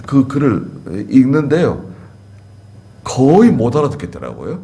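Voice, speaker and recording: A man's voice: medium pitch, wildly swooping pitch, unhurried, warm tone. A man pastor preaching a sermon in a conversational way, repeating key words and asking the congregation questions. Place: church sanctuary.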